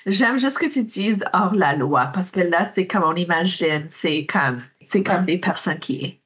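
A woman's voice: lowish voice, expressive, measured pace, a bit bright, husky. A woman with a Québécois French accent hosting a casual podcast chat, searching for words as she goes. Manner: hesitant, searching for words, laughs easily.

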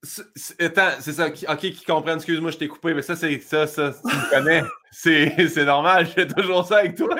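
A man with a Québécois accent hosting a casual podcast chat, quick and chatty, often laughing. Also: a little high, fairly even intonation, pushed and bright. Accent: Québécois French. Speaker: podcast host.

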